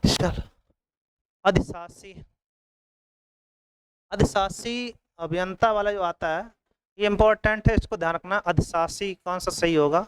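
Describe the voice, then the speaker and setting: A man's voice: high voice, measured pace, long pauses, smooth, poor audio. A man teaching an exam coaching lesson, repeating each word and often checking in with his students.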